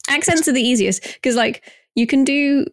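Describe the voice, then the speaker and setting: A woman's voice: sits high, normal speed, no echo, clean studio sound. A young woman chatting casually on a podcast and presenting the news segment, talking with lots of fillers and giggles.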